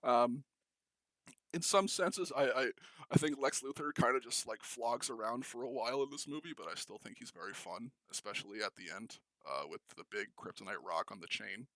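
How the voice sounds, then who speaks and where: A man's voice: mid-range voice, normal speed, a bit bright, no room sound. A young man co-hosting a podcast, talking casually and enthusiastically about films, rambling with many fillers and restarts. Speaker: podcast co-host. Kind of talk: casual film discussion.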